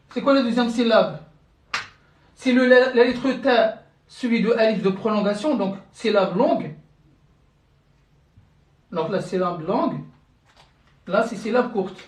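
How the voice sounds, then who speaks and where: Here a language teacher with a medium-pitched voice gives a live-streamed lesson, explaining patiently step by step. Viewers get checked in with, and words are often restarted and repeated. The recording sounds roomy, taken from away from the mic.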